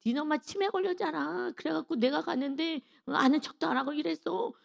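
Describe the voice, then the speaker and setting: A woman's voice: high-pitched, a little fast, creaky, pitched above the performer's own voice. A woman voicing her elderly mother-in-law, frail, anxious and complaining. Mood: plaintive.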